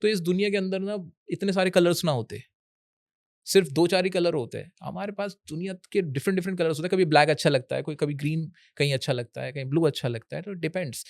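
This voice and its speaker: A young man from India talks casually as an interview guest, giving advice and mixing in English. His voice sits a little high and sounds dry and close. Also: quick pace, gravelly, dry recording. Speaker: educational YouTuber guest. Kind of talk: casual Hinglish interview talk.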